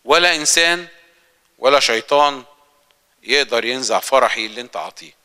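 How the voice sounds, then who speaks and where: An Egyptian man preaches to his congregation in a very bright, ringing voice with a smooth, crisp tone. His delivery is earnest and conversational, full of questions aimed at his listeners. Long reverb from the church hall trails behind his words. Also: medium pitch, expressive, fairly quick. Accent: Egyptian Arabic. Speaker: lay preacher. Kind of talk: sermon.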